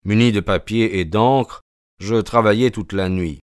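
A man reading an audiobook, narrating a first-person story in a measured, steady way. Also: on the low side, no room sound, clean studio sound. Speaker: audiobook reader.

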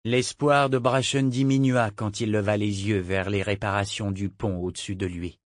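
A man giving steady, scripted narration of a fantasy audiobook. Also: fairly low pitch, normal speed, no echo, clean studio sound.

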